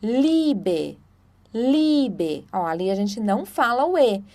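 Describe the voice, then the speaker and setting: A woman, a German teacher giving a patient, explanatory online lesson and sounding out example words slowly. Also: medium pitch, big pitch swings. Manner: patient, explanatory, frequent "tá?" and "então"; slow, drawn-out model pronunciations.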